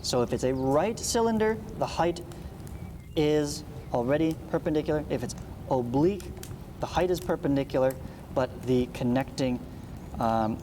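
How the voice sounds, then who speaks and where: A math teacher works through a read-along lesson step by step, adding asides and frequently checking in with tags like "right?" and "okay?". His voice is medium-pitched, expressive and warm at a moderate pace. There's a little hiss or hum.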